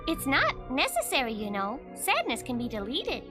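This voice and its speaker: A woman's voice: sits high, wildly swooping pitch, normal speed, heavily acted. A woman voicing a sad, grieving young girl in an anime dub, with a mournful delivery. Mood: bleak sadness. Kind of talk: dubbed anime dialogue. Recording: loud music over dubbed clip.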